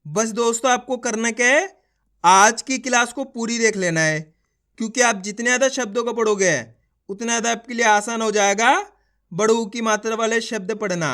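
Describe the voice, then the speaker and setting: A man's voice: very high voice, normal speed, sharp tone. A man teaching beginners to read, sounding out syllables one by one and blending them into words while encouraging his viewers. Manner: encouraging, repeats instructions to viewers. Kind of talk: beginner reading lesson.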